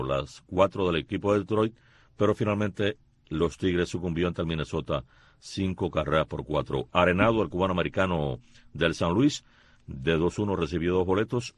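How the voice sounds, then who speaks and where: Male radio sportscaster, deep husky voice, quick score-by-score news read. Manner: brisk score-by-score reporting. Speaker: sports commentator.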